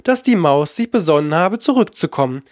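Measured storybook narrator. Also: mid-range voice, animated, darkish tone, no room sound, studio quality. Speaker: audiobook narrator. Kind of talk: storybook reading.

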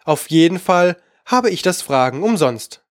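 A man's voice: fairly high pitch, expressive, a little slow, dry recording, clean studio sound. A man voicing a polite, curious young girl who talks eagerly and coaxingly.

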